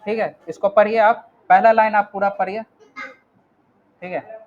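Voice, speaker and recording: A man's voice: high voice, little pitch movement, measured pace, phone-quality sound. A man teaching an Arabic grammar class online, patiently walking students through each word and often checking whether they follow.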